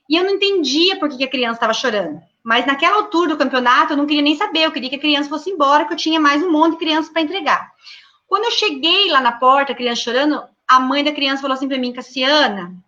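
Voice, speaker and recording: High bright woman teacher on a video call, super animated, dull lo-fi sound. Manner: lively, acts out classroom dialogue. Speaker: guest speaker, early childhood educator. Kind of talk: animated talk in an online panel.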